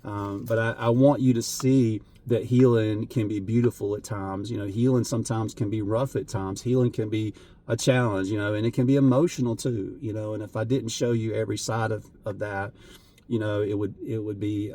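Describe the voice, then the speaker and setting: A man talking earnestly and emotionally to camera as a vlogger, halting, with many fillers and restarts. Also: lowish voice, fairly even intonation, warm tone. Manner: emotional, voice wavering at times. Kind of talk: heartfelt unscripted talk to camera.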